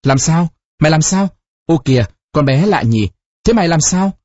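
A narrator voicing an anxious middle-aged village mother who asks in a hasty, shrill way. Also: normal speed, darkish tone, husky, no echo, lo-fi sound, natural voice. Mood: alarmed.

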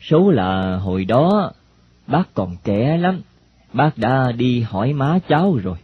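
A man voicing a calm, friendly middle-aged stranger, speaking slowly and hesitantly. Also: mid-range voice. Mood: confiding. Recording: dull lo-fi recording, faint hiss.

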